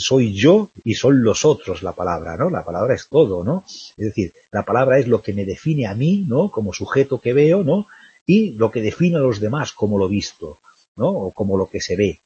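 Working through a poem in a recorded lecture, a literature teacher keeps thinking aloud and asking the listener tag questions after nearly each phrase. His voice is fairly low, dark, and husky, and the lo-fi recording is dry and dull.

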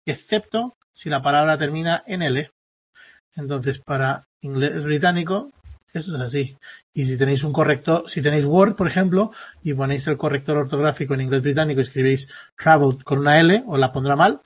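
Casting: husky male teacher, slightly high voice, patient and halting, lots of fillers. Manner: patient, explaining step by step with many fillers. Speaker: English teacher. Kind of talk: classroom grammar explanation.

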